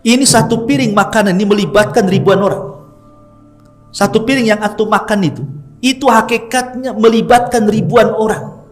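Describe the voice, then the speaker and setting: A middle-aged male preacher tells stories in a bright, high voice. He keeps his sermon chatty and playful, teasing his listeners as he goes. Soft music sits faintly underneath. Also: normal speed. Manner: lively, chatty, jokes with the audience. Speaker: Islamic preacher. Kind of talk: storytelling sermon.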